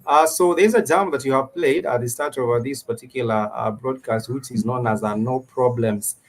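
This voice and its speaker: A man with a Kenyan accent hosting a live music interview, speaking in a wordy, halting way with repeated phrases. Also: medium pitch. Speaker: radio show host, interviewer.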